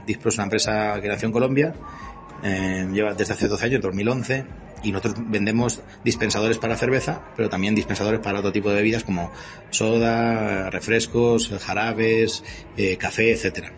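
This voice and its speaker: A Spanish man in his fifties, a company CEO appearing as an interview guest, explains things conversationally in a wordy, hesitant way. His voice is fairly low with a steady tone, and he speaks at a normal speed with a Spanish accent.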